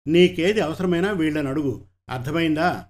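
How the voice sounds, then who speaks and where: A man's voice: a little high, moderate pace, natural voice. A man voicing a domineering woman brothel keeper. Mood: commanding. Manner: commanding, threatening.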